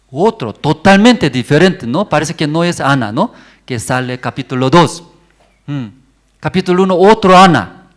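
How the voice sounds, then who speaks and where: A male pastor leads a church prayer service at an unhurried pace. He speaks in short, simple bursts and keeps checking in with his listeners after nearly every phrase. His questions to the congregation rise loud and animated, set against a mid-pitched voice. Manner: constantly checks in with the congregation with a rising 'mm?' and 'verdad, no?'.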